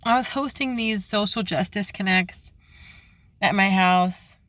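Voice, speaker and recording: A young woman speaking earnestly in a confessional late-night vlog from her parked car, halting and restarting often. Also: mid-range voice, fairly bright tone, no room sound. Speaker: vlogger.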